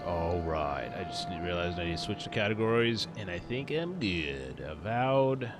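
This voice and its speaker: A man's voice: sits low, sing-song, moderate pace, over music. A man doing casual live commentary on a video game as a streamer, slangy and rambling.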